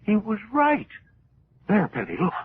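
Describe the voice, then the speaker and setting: Excitable cowboy sidekick, raspy, lively pitch, folksy, old-time radio serial. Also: male voice, a little slow, no room sound, narrow, tinny audio, exaggerated voice. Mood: tense.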